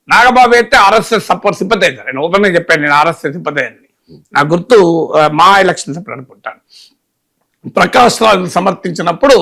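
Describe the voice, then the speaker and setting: High, bright-voiced male political analyst. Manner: emphatic, fires rhetorical questions. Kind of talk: political commentary interview.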